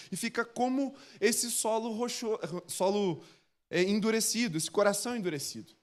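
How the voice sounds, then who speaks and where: High-voiced Brazilian pastor telling stories. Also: male voice. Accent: Brazilian Portuguese. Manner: animated storyteller, acts out quoted voices. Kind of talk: sermon with storytelling. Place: church sanctuary.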